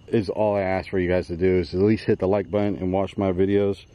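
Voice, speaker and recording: A man hosting a casual ghost-hunting vlog at a cemetery, speaking calmly and asking questions of spirits. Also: fast talker, muffled recording. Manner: asks questions of spirits, calm and low-key. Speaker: paranormal vlog host. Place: cemetery outdoors at night.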